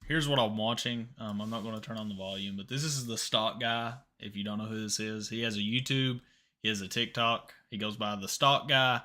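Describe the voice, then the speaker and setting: A man's voice: on the low side, fairly quick, bright, forceful tone. A man in his mid twenties hosting a casual live stream, chatting easily and tossing questions to viewers. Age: 20s. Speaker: livestream host.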